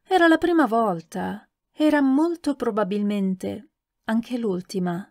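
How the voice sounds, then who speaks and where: A woman narrating a novel in a measured, expressive audiobook reading. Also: fairly high pitch, dry recording, studio quality. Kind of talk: scripted narration.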